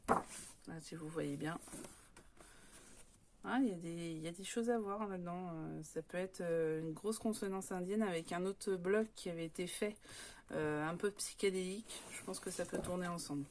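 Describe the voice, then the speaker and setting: A woman's voice: lowish voice, moderate pace, darkish tone, a little hiss or hum. A woman from France chatting casually as she shows off craft papers, with many hesitant fillers. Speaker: scrapbooking vlogger.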